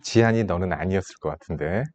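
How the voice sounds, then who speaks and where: A man's voice: low voice, fast, darkish tone. A man in his thirties teaching math to a class, chatting casually and teasing his students between problems. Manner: casual, teasing, talks down to students like a big brother. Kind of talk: classroom lecture with side stories.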